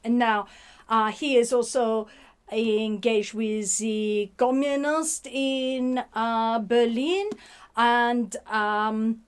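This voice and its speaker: A woman hosting a casual book review vlog, slipping words into her talk and pausing often on fillers. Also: fairly high pitch, steady tone, clean tone. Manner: sprinkles French words, halting with many fillers.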